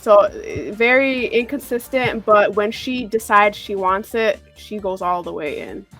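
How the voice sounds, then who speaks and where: A woman's voice: medium pitch, a little slow, a bit bright, faint music behind. Chatty woman with emphatic agreement. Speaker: guest. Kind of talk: casual group chat.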